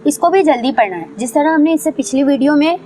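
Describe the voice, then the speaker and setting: A woman teaching a Quran reading lesson, patiently spelling out letters and syllables one by one, a little quicker when she explains. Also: sits high, expressive, dark tone, slight background noise, poor audio.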